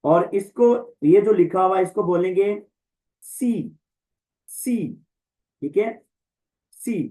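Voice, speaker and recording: Male teacher, online class, slow deliberate drilling, somewhat high-pitched. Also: dark tone, rough recording. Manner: slow, repetitive recitation, drawing out letter names. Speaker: Greek teacher.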